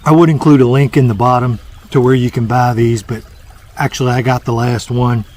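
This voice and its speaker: A man's voice: medium pitch, level tone, fairly quick, a little mellow. A man vlogging on a hike, giving a mock-serious, savoring food-critic review outdoors by a lake. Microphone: small handheld camera.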